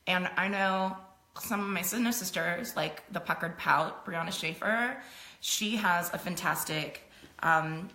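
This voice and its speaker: Casting: chatty middle-aged woman host, bright tone, lower pitch, echoey room. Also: unhurried. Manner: chatty, laughs often. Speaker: host selling makeup. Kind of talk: casual live-stream chat. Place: home room.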